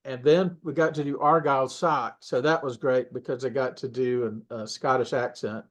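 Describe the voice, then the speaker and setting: A man, a puppeteer, telling stories in a casual interview. He rambles and corrects himself, often clearing his throat and coughing between thoughts. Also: medium pitch, fairly even intonation, moderate pace. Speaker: puppeteer guest.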